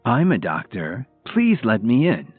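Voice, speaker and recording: A man's voice: mid-range voice, wildly swooping pitch, measured pace, breathy edge, pitched above the performer's own voice, heavily acted. A man doing a solemn, focused woman doctor. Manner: solemn, firm. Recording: tinny phone-like audio, faint music.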